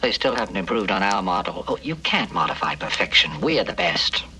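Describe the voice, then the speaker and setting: An actor playing a proud, loyal service robot in a storybook dramatization. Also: male voice, low voice, expressive, a little fast, bright, forceful tone, distant mic, a little hiss or hum, heavily acted, poor audio. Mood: proud, brisk.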